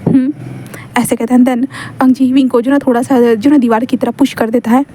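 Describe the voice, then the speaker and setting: A woman's voice: fairly high pitch, fairly even intonation, brisk, warm tone, a little hiss or hum. A woman casually narrating a fan-fiction story, voicing all the characters herself in one chatty tone, with stumbles and fillers.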